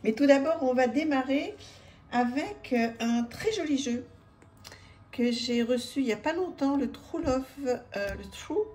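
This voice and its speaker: A woman with a high voice takes her time as she shows off an oracle card deck. Her casual presentation is friendly and talkative, full of hesitations and filler words.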